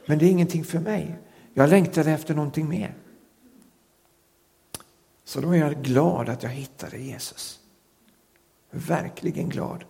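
A man preaching a sermon in earnest, slowing down and leaning into key phrases. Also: a little high, vocal fry, mellow. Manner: earnest, rising emphasis and slowed words on key phrases. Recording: long reverb of a hall.

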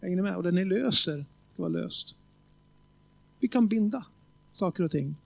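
A man preaching a sermon in a conversational storytelling way, often checking whether the congregation is following and slowing down to stress key words. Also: high voice, animated, gravelly, a bit bright, no room sound. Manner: tells stories with quoted voices and emphatic slow stresses.

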